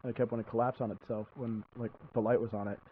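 A man's voice: medium pitch, little pitch movement, fast talker, a little hiss or hum. A young man chatting casually as a podcast guest, with slangy, informal phrasing. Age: young adult. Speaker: podcast guest, film student. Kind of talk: casual chat. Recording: muffled phone-like audio.

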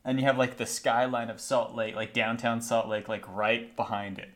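A man's voice: medium pitch, flat delivery, normal speed, fairly bright tone. A man co-hosting a casual sports podcast, chatty and full of "like" fillers. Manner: chatty, fills with "like", laughs often. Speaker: podcast co-host.

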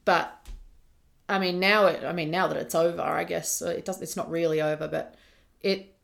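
A woman's voice: on the low side, steady tone, moderate pace, vocal fry, a bit bright. A young Australian woman co-hosting a podcast, chatting in an upbeat, rambling way. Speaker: podcast co-host. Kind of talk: casual chat.

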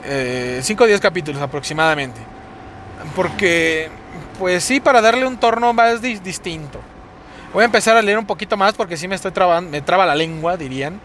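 A man's voice: a little high, a bit bright. A young man with a Mexico City accent, rambling and cursing casually through a solo podcast while driving his car. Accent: Mexico City Spanish. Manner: rambling, profane, sing-song delivery. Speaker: podcast host. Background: car and road noise.

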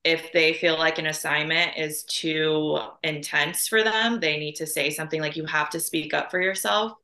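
Emphatic low-voiced woman in an echoey room. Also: fairly even intonation, moderate pace, sharp tone. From Chicago area, US. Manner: emphatic, advising. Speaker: nurse guest. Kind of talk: casual podcast conversation. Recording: roomy echo.

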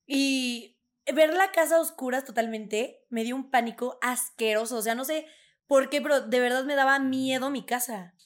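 A woman's voice: sits high, normal speed. A young woman in her twenties with a Mexican accent, co-hosting a casual chat and telling stories full of "o sea" fillers. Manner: chatty storytelling, fillers like "o sea". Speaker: podcast co-host.

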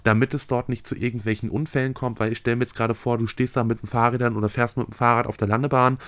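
A man's voice: mid-range voice, fast talker, dry recording. A young man co-hosting a casual podcast chat, telling stories bluntly and swearing freely. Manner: blunt, swears, animated storytelling. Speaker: podcast co-host.

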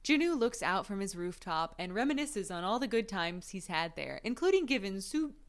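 A woman's voice: medium pitch, very animated, normal speed. A woman co-hosting a casual podcast, reading out a plot recap and often breaking into giggles. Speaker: podcast co-host recapping a drama.

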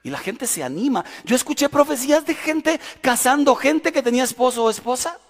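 A middle-aged pastor preaches in a church auditorium, his voice pitched high for a man. He tells stories with animation, swinging from loud passages to hushed ones. His words ring out with a long hall reverb. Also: expressive, brisk. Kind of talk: sermon.

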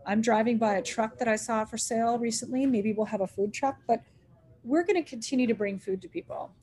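A little fast and warm in tone, with a fairly high pitch, a middle-aged restaurant owner spins lively stories in an interview. She acts out what people said and laughs often, against slight background noise.

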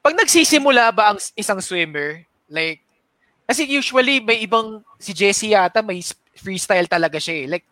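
Bright-voiced male host. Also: high-pitched, expressive, fairly quick, no room sound. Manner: curious, probing questions. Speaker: podcast host. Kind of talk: casual interview chat, mixing English and Tagalog.

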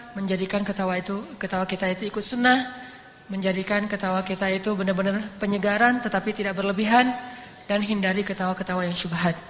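A woman's voice: medium pitch, a little hiss or hum. A woman preacher giving a casual religious talk, conversational and full of restarts, now and then chanting a verse. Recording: reverberant hall, faint ambience.

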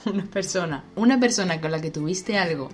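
A woman from co-hosting a podcast in casual chat, talking in quick asides and laughing often. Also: lowish voice. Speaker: podcast co-host.

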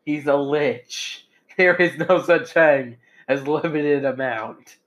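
A man improvising casually as game master of a tabletop game, halting and jokey as he narrates. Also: fairly high pitch, steady tone, muffled recording, noisy background.

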